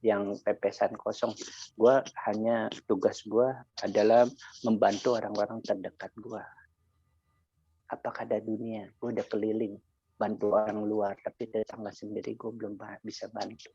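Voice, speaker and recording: Gravelly man telling a lively story. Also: on the low side, normal speed, no room sound, highs cut off. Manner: animated storytelling in slangy street talk, acting out both sides of a conversation. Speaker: insurance agent sharing experience. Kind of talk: motivational sharing session.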